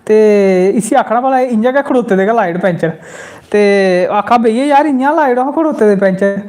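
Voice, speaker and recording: Animated Jammu man spinning a yarn. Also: high-pitched, moderate pace. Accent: Dogri, Jammu. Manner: animated storyteller, bursts into quoted voices. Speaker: comedy channel host. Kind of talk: live stream storytelling and comment reading.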